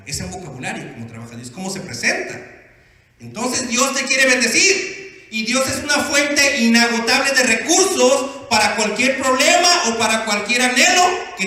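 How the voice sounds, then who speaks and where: High, bright-voiced man preaching in an echoing hall. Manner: emphatic preaching with call-and-response to the congregation. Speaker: pastor. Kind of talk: sermon. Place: church hall. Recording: echoey hall with long reverb.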